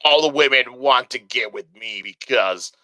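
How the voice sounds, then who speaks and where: A man's voice: medium pitch, normal speed, bright, forceful tone, dry recording. A man voicing a vain young male swordsman in an offhand, mock-boasting tone. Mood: smug.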